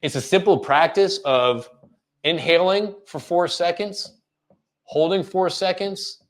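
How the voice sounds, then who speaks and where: A man in the middle of a live webinar, coaching an audience on how to use the voice. His delivery is casual and animated, full of quick check-ins as he demonstrates one tone after another. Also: sits high. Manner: animated, demonstrates vocal tones, asks listeners questions; casual filler-laden delivery with frequent "right?". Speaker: leadership coach hosting a webinar.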